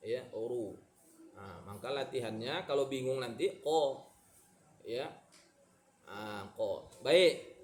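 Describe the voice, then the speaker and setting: A male teacher giving a recitation pronunciation lesson, repeating syllables slowly for his students to copy. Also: medium pitch. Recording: echoey room.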